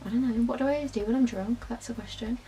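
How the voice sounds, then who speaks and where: A woman's voice: on the high side, very fast, mellow, a little hiss or hum. A tipsy young British woman chatting casually and bluntly to camera in an informal question-and-answer style. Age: young adult. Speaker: vlogger.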